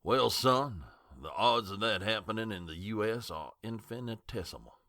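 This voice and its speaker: An actor playing a condescending older doctor in an audio drama, who speaks slowly and patronizingly. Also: male voice, lowish voice, expressive, bright, forceful tone, dry recording, clean studio sound. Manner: patronizing, slow.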